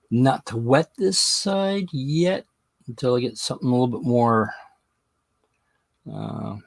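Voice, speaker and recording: Man, hobby streamer; unhurried, halting, thinks aloud as he works; dry close sound. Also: medium pitch, gravelly, dry recording. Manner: slow, halting, thinking aloud while working. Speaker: hobby livestream host. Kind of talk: casual livestream commentary while crafting.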